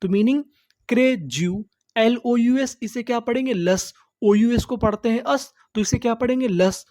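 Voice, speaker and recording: A woman's voice: on the high side, normal speed, mellow, no room sound. A woman teaching English vocabulary, spelling each word letter by letter and asking and answering her own questions. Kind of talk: slow spelled-out vocabulary lesson.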